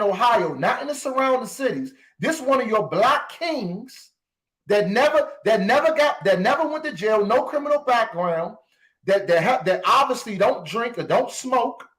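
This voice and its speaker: A man with a slightly high voice hosts a podcast and speaks with open emotion. He addresses his listeners directly and repeats phrases to drive each point home. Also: a bit bright. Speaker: podcast host. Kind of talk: impassioned commentary.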